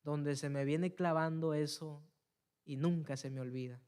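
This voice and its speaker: Fervent male preacher, clear voice. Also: a little high, steady tone, measured pace. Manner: storytelling that builds to loud, fervent appeals; repeats words while searching for them. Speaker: preacher giving testimony. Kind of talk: Spanish-language church sermon.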